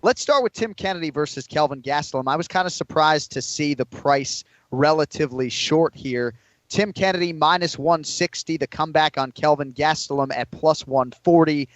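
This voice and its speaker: A man hosting a casual sports podcast, relaxed, reading out betting odds and swearing now and then. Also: fairly high pitch, moderate pace, dry recording. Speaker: podcast host.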